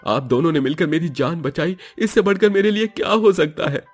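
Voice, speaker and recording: A man's voice: fairly high pitch, lively intonation, a little fast, soft background music, voice pushed up. A man voicing a grateful young man who speaks earnestly to his mother. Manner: earnest, emotional.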